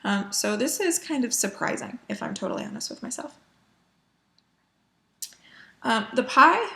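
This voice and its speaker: Talking casually as a cross-stitch vlogger, this woman has a medium-pitched, creaky voice. A cold leaves her slightly sniffly, and she peppers her chat with ums and little laughs.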